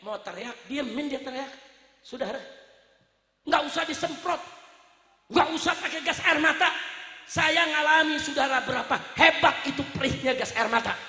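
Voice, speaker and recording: A man preaching to a rally, firing rhetorical questions at the crowd and often breaking into shouts. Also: very high voice, normal speed, gravelly. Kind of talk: fiery rally speech. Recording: echoey reverberant hall sound.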